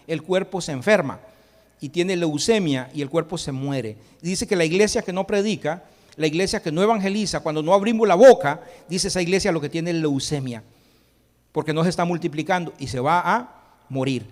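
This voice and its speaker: A man preaching a sermon as pastor, impassioned, swinging between loud proclamation and hushed intensity. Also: a little high, normal speed, big-room sound. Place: church sanctuary.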